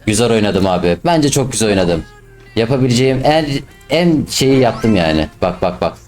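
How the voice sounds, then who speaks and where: A young man giving casual commentary while playing a mobile game, quick to swear and snap at his teammates. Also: on the low side, soft background music. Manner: excitable, swears and snaps at teammates. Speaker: gaming YouTuber.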